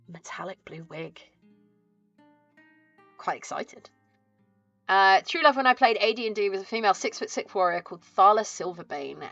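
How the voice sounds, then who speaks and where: Bright, chirpy southern English woman streamer. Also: on the low side, dry recording, highs cut off. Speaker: craft livestreamer and host. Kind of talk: casual livestream chat.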